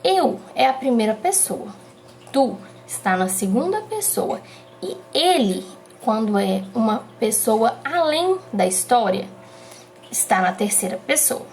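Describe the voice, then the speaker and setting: A woman with a Brazilian Portuguese accent walks pupils through a lesson in a high, bouncy voice. She explains patiently and slows down to stress key syllables. A faint hiss of noise sits under her voice. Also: sing-song, darkish tone. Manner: slow, emphatic explaining, stretching out key syllables. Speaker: teacher. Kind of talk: remote classroom lesson.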